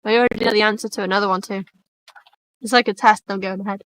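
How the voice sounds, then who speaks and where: A woman's voice: medium pitch, fairly even intonation, quick pace, a bit bright, dry recording. A woman, co-hosting a stream in casual, blunt chat and reading posts aloud. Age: 20s. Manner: chatty, blunt, swears casually. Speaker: stream co-host.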